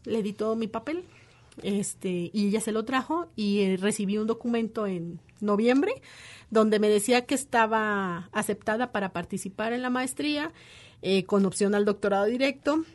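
A Colombian woman in her forties, telling her story in a lively way in an interview and quoting others in their voices. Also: medium pitch. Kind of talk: conversational interview.

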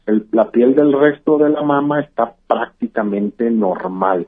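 A man's voice: mid-range voice, unhurried, slightly rough. A man, a physician explaining things patiently in a radio interview, with many "eh" fillers and "¿verdad?" tags. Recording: tinny phone-like line.

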